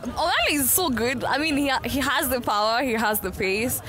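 Young woman, host of a street interview, upbeat and fairly high-pitched, handheld mic outdoors. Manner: lively, quick to laugh. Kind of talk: casual post-match chat. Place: outside a stadium.

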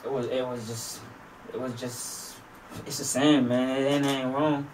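A man's voice: medium pitch, flat delivery, unhurried, darkish tone, far from the mic, a little hiss or hum, low-quality recording. Laid-back Haitian man in his twenties. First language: Haitian Creole. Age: 20s. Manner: laid-back, brief answers. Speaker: guest rapper. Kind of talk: casual interview chat. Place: small radio studio. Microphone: studio boom mic.

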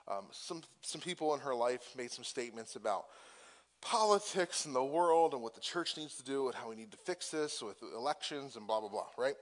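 A man preaching a sermon as pastor, moving from conversational asides with restarts to impassioned, emphatic peaks. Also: mid-range voice.

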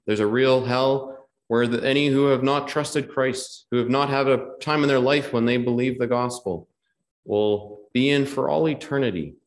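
A man's voice: mid-range voice, normal speed. Earnest male preacher in an echoey hall. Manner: earnest, repeats key phrases, quotes scripture in old wording. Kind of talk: gospel preaching. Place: gospel hall.

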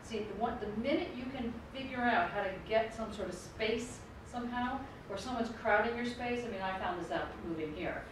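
An American professor, a middle-aged woman, lectures in a conversational, wry way and keeps circling back to her points. Her voice is on the high side and fairly quick with few pauses, picked up by a distant room mic in an echoey lecture hall with background noise.

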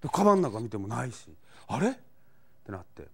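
With a medium-pitched, breathy voice and quick pace, a man with a Kansai accent performs a comic storytelling monologue. He acts out each scene with animation and chuckles his way through the punchlines.

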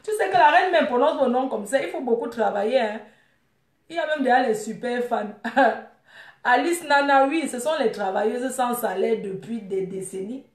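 Woman, live stream chat, rambling, scolding, higher voice, echoey room. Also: lively intonation, normal speed. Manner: scolding, rambling, teasing viewers. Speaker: live streamer reading viewer comments.

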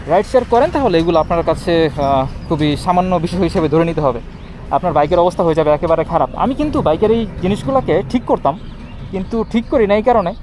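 Fast-talking Bangladeshi man inside a helmet. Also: on the high side, darkish tone. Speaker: motorbike vlogger. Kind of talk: casual vlog explanation to viewers. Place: outdoors by a city road. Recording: light outdoor street and vehicle noise.

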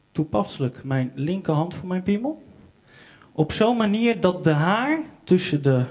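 A young man on a small theater stage at an open mic night, telling a wry, self-mocking anecdote into a stage microphone. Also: sits high. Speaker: comedian and singer-songwriter. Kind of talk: live stand-up storytelling.

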